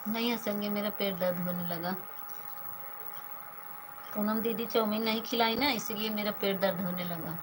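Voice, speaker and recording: A woman's voice: medium pitch, fairly even intonation, moderate pace, long pauses, background noise. Chatty woman live-streaming on her phone. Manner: chatty, thanks viewers by name, banters about food. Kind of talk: casual live-stream chat with viewers.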